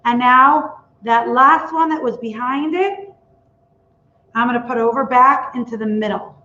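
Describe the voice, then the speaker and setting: Woman, higher voice, patient step-by-step instructor; roomy, muffled recording with faint background hiss. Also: a little slow, bright, forceful tone. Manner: patient, explaining each step. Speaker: baking instructor. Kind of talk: step-by-step demonstration. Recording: echoey room with dull lo-fi sound.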